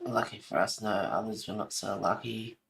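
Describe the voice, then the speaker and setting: A middle-aged woman with a raspy smoker's voice, chatting casually and ramblingly to viewers as she hosts a hobby video. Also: rumbling low, normal speed. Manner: rambling, giggly, reading aloud and replying to viewers. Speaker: host of a colouring video. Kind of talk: casual chat to live viewers.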